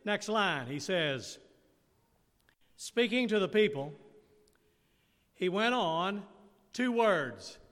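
A man's voice: sits high, big pitch swings, very slow, pauses often, fairly bright tone, long reverb tail. A man preaching a conversational sermon who keeps turning questions back to his listeners. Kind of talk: interactive sermon.

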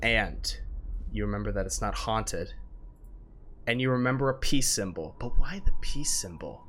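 A man narrating as game master of a tabletop game, loose and halting, with many fillers. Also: on the low side, fairly bright tone, slight background noise.

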